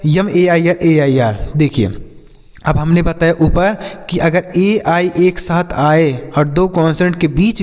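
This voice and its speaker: A man's voice: on the high side, darkish tone, long reverb tail. A man teaching phonics in a classroom style, asking his own questions aloud and answering them, calling viewers dear children. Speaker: English teacher.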